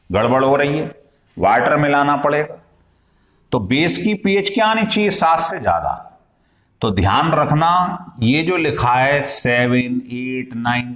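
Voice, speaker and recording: Here a man with a slightly high, fairly bright voice teaches chemistry in a classroom style, breaking ideas into steps and asking students questions as he proceeds. The recording has an echoey room sound.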